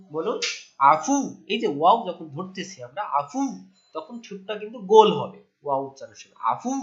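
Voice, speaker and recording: Male Quran tutor drilling syllables in a patient call-and-response. Bright, animated delivery on dull, lo-fi audio. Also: high-pitched. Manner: repeats syllables slowly, praises often, stretches Arabic sounds. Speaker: Quran recitation teacher. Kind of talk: call-and-response pronunciation lesson.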